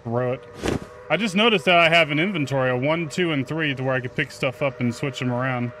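A gaming YouTuber with a mid-range voice talks briskly over video game music in a noisy setting. His commentary is casual and full of slang and swearing, and he talks back to the game's characters.

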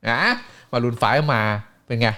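A man's voice: mid-range voice, steady tone, normal speed, a bit bright. A man streaming, telling a story in casual chat with crude slang and acted-out voices.

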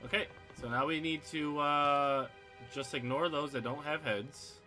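A man's voice: a little high, fairly even intonation, unhurried, music in the background. A man in his thirties commentating as a scared horror game streamer, jumpy and exclaiming, repeating his words when frightened. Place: indoor room at a gaming setup.

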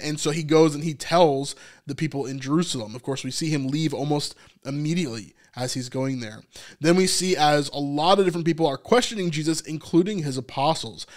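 A man giving a casual, chatty recap of a TV episode, with lots of fillers and frequent small laughs. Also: fairly high pitch. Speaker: TV episode reviewer.

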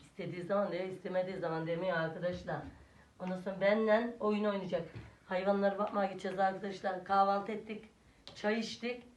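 A woman's voice: mid-range voice, steady tone, fast talker. An older woman, a grandmother, chatting casually to her viewers as friends and cooing at her little grandson in a sing-song way. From Turkey. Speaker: village vlogger and grandmother. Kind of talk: casual home vlog chat. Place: village house room. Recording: echoey room, mic at a distance.

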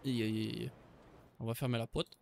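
A man's voice: medium pitch, level tone, moderate pace, creaky, a little mellow, a little hiss or hum. A man giving casual, joking commentary on a game he is playing. He talks chattily and corrects himself often. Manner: chatty, joking, many fillers and self-corrections. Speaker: gaming video host. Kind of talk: casual let's-play commentary.

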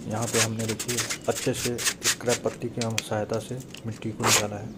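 A young man talks viewers through his rooftop garden in a flat, even voice. His narration is casual and explanatory. Outdoor ambience and birdsong come through clearly. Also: on the low side, brisk, heavy background noise. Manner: addresses viewers as friends, steady explanatory tone. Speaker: gardening vlogger.

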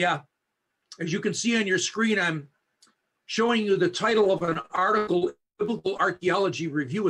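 A man leading an online Bible study as its teacher, explaining slowly and kindly with many fillers, heard through a video camera on a video call. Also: sits high, a bit bright, breathy edge. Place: home setup on a video call. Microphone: high definition video camera.

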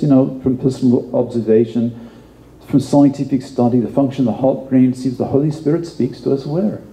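Man preaching in a dark, roomy sound. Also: medium pitch. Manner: conversational preaching with asides and repeated words. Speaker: pastor. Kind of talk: sermon.

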